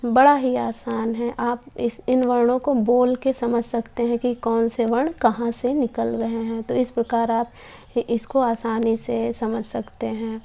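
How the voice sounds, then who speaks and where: A woman's voice: on the high side, little pitch movement, unhurried, gravelly, dark tone. A woman teaching a Hindi lesson, patiently explaining and sounding out each consonant one by one. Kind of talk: slow classroom explanation.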